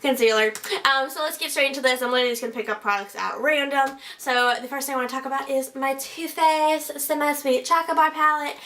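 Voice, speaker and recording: A woman's voice: high voice, fairly even intonation, fast, hardly any pauses, sharp tone. A young woman chatting casually as she reviews makeup on her own channel, rambling and joking, calling each product he or him. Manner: chatty, rambling, jokey asides. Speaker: beauty vlogger.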